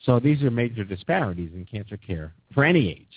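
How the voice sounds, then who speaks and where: A man's voice: on the low side, big pitch swings, fast, husky, dry recording. Man in his forties hosting over a phone line. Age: 40s. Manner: rambling, enthusiastic, many fillers and restarts. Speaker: host. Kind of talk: radio talk show chat. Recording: dry, tinny phone-like line.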